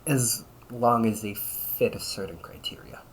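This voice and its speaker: This one-sided audio roleplay features a man as a cocky, tired vampire brother, centuries old but young-sounding, who casually explains things with dry sarcasm, grumbles, and often chuckles. His voice is on the low side and close to an everyday voice, fairly even in intonation and measured in pace. The audio is poor, with slight background noise.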